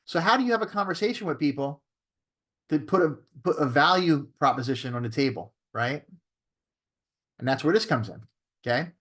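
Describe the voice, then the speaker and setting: Expressive and fairly bright, this high-leaning male voice moves fairly quickly and pauses often. A real estate trainer from Florida, he talks casually, checks in with "okay?" and "right?", and performs phone scripts in an altered tone.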